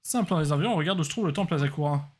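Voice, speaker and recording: A man's voice: a little high, rapid-fire. A man streaming a game, commenting casually and hesitantly with many fillers.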